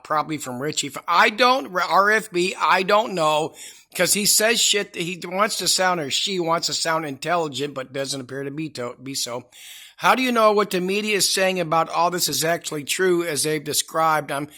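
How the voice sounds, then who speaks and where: A sharp, bright-sounding voice delivering an angry, profane rant. The vlogger rambles, stops and restarts sentences, and swears freely while running through commentary at home. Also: mid-range voice. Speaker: channel host. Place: house, indoors.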